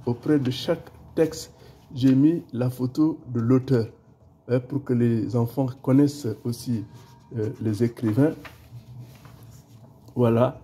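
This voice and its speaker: Slow, halting man with a dark husky voice. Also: mid-range voice, a little hiss or hum. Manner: halting, many fillers and repeated words. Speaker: teacher presenting a school play booklet. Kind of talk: casual spoken presentation.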